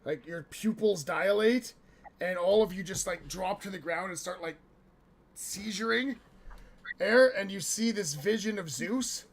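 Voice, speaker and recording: A man runs a tabletop game in a casual narrating style. His voice sits quite high for a man, with plenty of vocal fry, and he takes his time. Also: measured pace. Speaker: game master.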